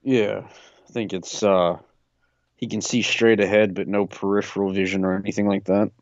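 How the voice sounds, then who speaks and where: Lowish voice guy ranting n swearing, kinda dull lo-fi mic, dry. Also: level tone, moderate pace, dry recording. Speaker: podcast co-host. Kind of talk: casual podcast chat.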